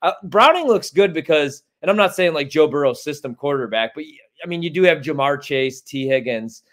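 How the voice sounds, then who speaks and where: On the high side and animated, this American man in his thirties talks briskly as a guest analyst on a sports betting podcast. He's on a video call from his home kitchen, chatting bluntly and casually, rambling and swearing plenty.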